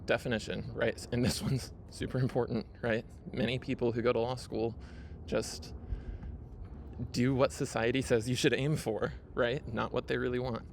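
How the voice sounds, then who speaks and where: A man casually walks viewers through his screen on his own video, speaking at a moderate pace. His medium-pitched voice is creaky and fairly even in pitch, studded with fillers and "right?" tags, over slight background noise.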